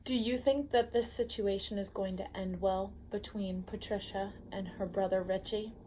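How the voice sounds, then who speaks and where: A woman reading a picture book aloud as a bedtime story, pausing to ask the listener questions. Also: mid-range voice, a little hiss or hum. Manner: slow, gently expressive reading with questions to the listener.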